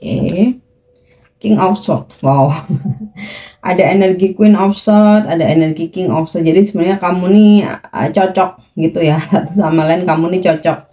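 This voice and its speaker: A woman giving a casual tarot reading, chatty and easygoing, with drawn-out fillers and light laughs. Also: on the low side, dark tone, muffled recording. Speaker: tarot reader.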